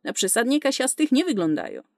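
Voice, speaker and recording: A woman's voice: on the high side, wildly swooping pitch, a little fast, vocal fry, no echo, studio quality, voice pushed up, heavily acted. A woman voicing a foul-mouthed, sarcastic young female space smuggler in a storybook reading. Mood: brash. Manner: cursing, sarcastic, tough.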